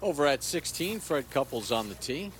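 A man's voice: medium pitch, very animated, normal speed, a bit bright. A man working as a golf commentator, announcing shots in live coverage. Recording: clearly noisy outdoor broadcast.

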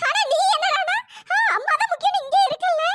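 A woman's voice: extremely high pitch, fast talker, noisy background. A woman voicing a worried younger sister in a cartoon story, earnest and pleading.

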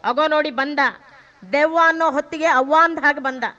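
A sharp-tongued scheming wife with a high, bright voice and sarcastic quips. She drops proverbs as she talks. The recording is dull and lo-fi. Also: steady tone, brisk.

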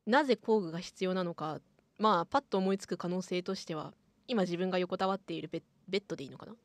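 A woman in her twenties playing a tabletop role-play, thinking aloud in a measured way and feeling for words. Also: on the low side, no echo. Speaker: tabletop game player. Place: small padded studio room. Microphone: close studio microphone on boom arm.

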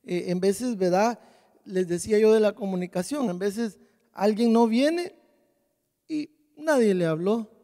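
Guy giving a homey church talk, pretty high voice, big reverby hall, keeps repeating himself. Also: a little slow, mellow. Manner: folksy, repeats phrases, often adds "¿verdad?". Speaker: church leader. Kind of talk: conversational church sermon.

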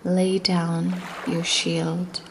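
A woman with a fairly low voice and a completely flat delivery leads a guided meditation with affirmations, with background noise present. She speaks slowly and soothingly, at times dropping to a breathy near-whisper.

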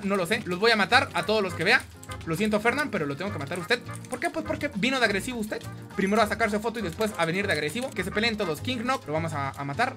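A young man with a Mexican accent doing excitable, playful gameplay commentary, talking straight to his viewers. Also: sits high. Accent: Mexican Spanish. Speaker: gaming YouTuber.

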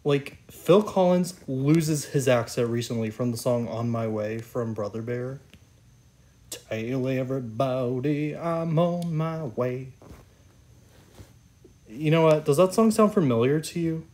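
A man's voice: medium pitch, lively intonation, moderate pace, few pauses, dark tone. A man hosting his own channel, chatting casually and enthusiastically about singers, rambling with lots of "like" and "oh my gosh". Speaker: YouTube channel host.

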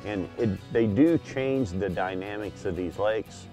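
A man who fishes catfish tournaments, talking in a relaxed, plain-spoken way on an open boat. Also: fairly low pitch, measured pace, faint music behind. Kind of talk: casual fishing show talk.

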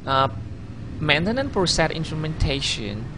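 A job applicant in his thirties, a native Vietnamese speaker with a Vietnamese accent, narrates his own video CV over slides. His voice is a little high and very animated, his delivery halting with frequent self-corrections, and there's noise in the background.

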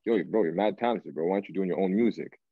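Speaking fast in a deep voice, this Toronto-raised Canadian R&B singer is a guest in a casual, slangy interview, frequently making sure the listener follows him. He's indoors, and the video call audio is dull and lo-fi, with no room sound.

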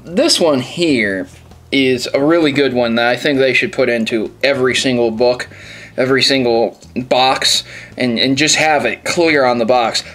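A man's voice: medium pitch, a bit bright. A man hosting a video, making casual, profane jokes about old manual pictures and laughing at his own remarks. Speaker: video host. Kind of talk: casual commentary on a game console manual.

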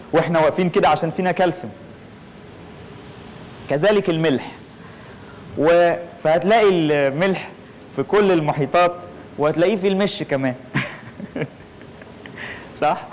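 A man's voice: a little high, a little hiss or hum, low-quality recording. A man with an Egyptian Arabic accent giving an informal lecture, playful and punning, slipping English phrases into his talk.

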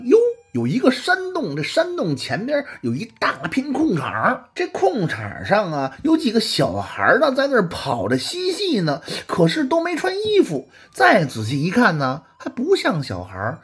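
A woman telling a folk tale in an animated way, with drawn-out rhetorical questions and exclamations. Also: medium pitch, breathy edge. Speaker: storyteller.

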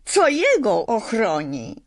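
Woman doing a little storybook girl, squeaky high and indignant, scolds a lot. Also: huge pitch swings, slow, breathy edge, heavily acted. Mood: anxious. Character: small brave spirited girl.

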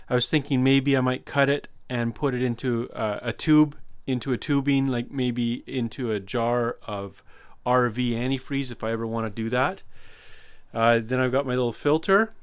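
A man giving a relaxed walkthrough of his trailer build, explaining as he goes with some fillers. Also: mid-range voice, moderate pace, clear, resonant tone, no room sound. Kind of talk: casual walkthrough tour. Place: inside a converted cargo trailer.

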